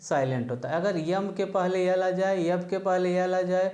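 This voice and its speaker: A woman's voice: lowish voice, fairly even intonation, mellow. Echoey woman teacher drilling silent letters. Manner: asks a question, then answers it herself, over and over; spells out words letter by letter, slowly. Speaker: English teacher. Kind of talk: classroom-style explanation of silent letters.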